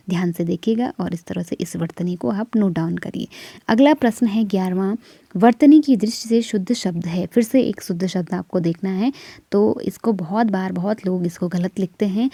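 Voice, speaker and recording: Woman, teacher, mellow and dry, patient step-by-step explainer. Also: medium pitch, no echo. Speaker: Hindi teacher. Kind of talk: exam practice lesson.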